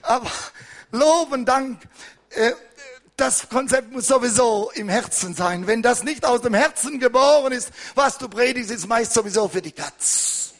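An older man preaching an impassioned sermon as pastor, hurried and fervent, at times rising to a shout. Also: very high voice.

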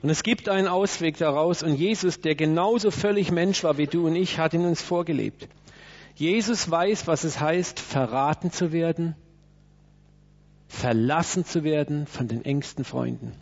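Preaching in a church, this man speaks at normal speed in a voice on the high side. His delivery is emphatic, with acted-out quotes and asides aimed straight at his listeners, and the sermon recording sounds dull and lo-fi.

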